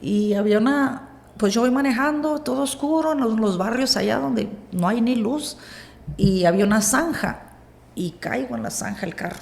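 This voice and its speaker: Gravelly-voiced Mexican woman telling her story. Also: fairly high pitch, normal speed. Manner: animated retelling, acts out quoted dialogue. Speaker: podcast guest. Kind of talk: personal storytelling.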